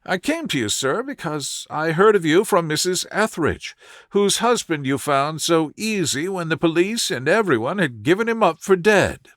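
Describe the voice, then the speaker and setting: An earnest, nervous young woman played by a male narrator in a storybook reading. The pitch is lifted well up and moves about freely as she confides anxiously, in a close, dry recording. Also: very animated, normal speed, a bit bright, no echo. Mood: pleading. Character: nervous, earnest good-humored young woman client, easily startled.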